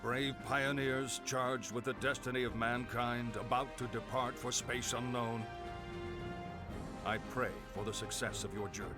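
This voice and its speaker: An actor playing a grave, lofty leader in a video game, speaking with ceremony. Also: male voice, medium pitch, fairly even intonation, a little slow, loud music behind the voice, lightly acted. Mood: solemn. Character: solemn, lofty male leader sending off space pioneers. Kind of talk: English video game voice acting.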